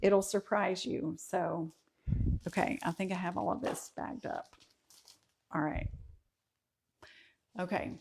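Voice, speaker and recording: A woman's voice: on the low side, fairly even intonation, slow, vocal fry, long pauses, darkish tone, slight background noise. A woman, chatting casually at home on a livestream and reading viewer comments aloud with many ums. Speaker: host of a home and kitchen channel.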